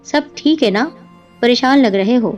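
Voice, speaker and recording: A fearful young wife in a spoken horror storybook, soft, anxious and close to tears, as a woman narrator voices her. The voice is raised and fairly high, with music under a dull, lo-fi recording. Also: lightly acted. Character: young wife, frightened and tearful.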